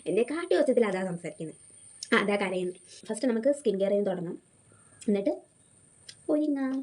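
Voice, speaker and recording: A young woman, her voice hoarse from a fever, chatting casually to viewers as she gets ready and talking to herself between steps. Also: mid-range voice, lively intonation, fast, darkish tone. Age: young adult. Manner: chatty, talks to herself while doing makeup. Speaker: beauty vlogger. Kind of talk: casual get-ready-with-me chat. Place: home by rice fields, crickets outside.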